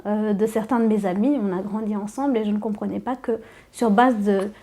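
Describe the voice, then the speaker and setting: A woman's voice: medium pitch, steady tone, a little fast, mellow. A woman in her twenties from Rwanda, giving a personal testimony, hesitant and repeating words. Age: 20s.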